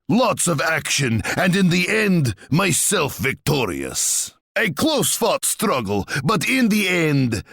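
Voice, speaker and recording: A gleeful, menacing tsar for a video game. The voice is gravelly and husky. It swoops dramatically up and down, pompous and relishing its own threats. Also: male voice, medium pitch, fairly bright tone, dry recording, clean studio sound, heavily acted. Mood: gleeful, boastful. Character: boastful, menacing Russian tsar and warlord, imperious and gleeful. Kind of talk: video game character voice lines.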